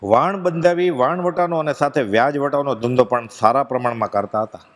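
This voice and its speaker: A man giving a devotional discourse to a gathering, telling stories with feeling and reciting verses slowly. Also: medium pitch. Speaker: spiritual discourse speaker. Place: pilgrimage satsang gathering. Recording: long hall reverb.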